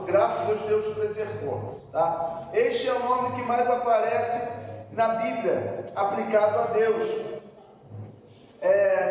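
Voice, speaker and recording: A man's voice: high voice, a little mellow, dull audio. A man teaching a church seminary class, emphatic and asking "né?" to check in with the room. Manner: emphatic, frequent "né?" check-ins. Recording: echoey hall from far off, faint background noise.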